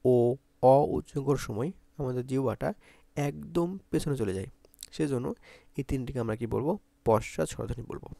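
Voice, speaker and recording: A man's voice: medium pitch, vocal fry, mellow, no echo. A man with a Bangladeshi Bengali accent teaching an exam-prep grammar lesson, repeating points and asking pupils to say sounds aloud.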